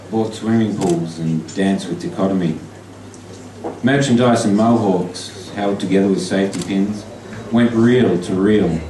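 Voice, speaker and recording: In a pub function room, a low-voiced Australian man who writes poetry performs his poems and flash fiction live. He chats hesitantly between pieces but reads slowly and deliberately. The recording sounds distant and echoey, with pub noise around it.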